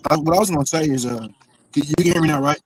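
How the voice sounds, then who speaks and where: A man calling into a live online show over a choppy, breaking-up phone connection, talking loudly to be heard. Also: fairly high pitch, fast. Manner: talks loudly, pushing to be heard. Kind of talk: casual chat. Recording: breaking-up phone line with crowd noise behind.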